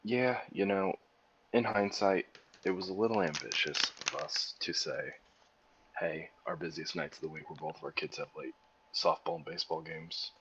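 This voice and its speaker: Man, co-host, tired, deep gravelly voice, joking, casual stream chat. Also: big pitch swings, normal speed, fairly bright tone, dull audio, a little hiss or hum. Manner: joking, sarcastic.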